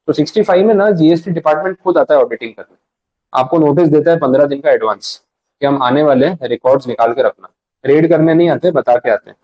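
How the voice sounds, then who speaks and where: A man's voice: a little high, dark tone, no echo, dull audio. A man giving a live revision lecture in a chatty way, acting out short bits of dialogue. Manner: fast, conversational, acts out little dialogues.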